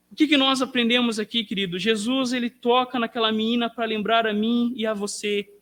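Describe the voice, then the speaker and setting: A Brazilian man preaching a sermon in a very high, bright and forceful voice. He builds emphasis as he goes and keeps asking the congregation direct questions. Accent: Brazilian Portuguese. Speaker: pastor.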